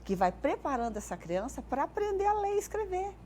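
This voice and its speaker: A woman's voice: very high-pitched, sing-song, fairly quick, darkish tone, slight background noise. A Brazilian speech therapist, a woman, guesting on a TV morning show and explaining child speech development, animatedly acting out sounds. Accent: Brazilian Portuguese.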